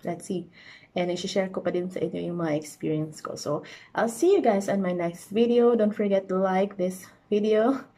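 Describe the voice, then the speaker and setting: Young filipina vlogger, chatty and easygoing, lots of ums, filipino accent. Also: female voice, mid-range voice, moderate pace, mellow. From Philippines. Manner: chatty, mixes English and Tagalog, many fillers. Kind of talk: casual chat.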